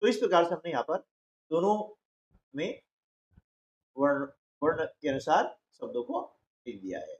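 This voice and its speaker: In a classroom lesson walkthrough, a teacher with a mid-range voice and wildly swooping pitch slowly explains a workbook lesson step by step. She poses her own questions, answers them, and frequently adds "है ना" and "ठीक है", and the recording is reverberant and muffled.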